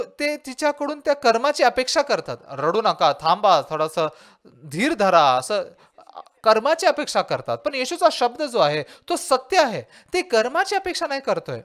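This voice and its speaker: Animated male pastor preaching. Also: very high voice. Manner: asks listeners rhetorical questions. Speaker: pastor interpreting a sermon. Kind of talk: sermon.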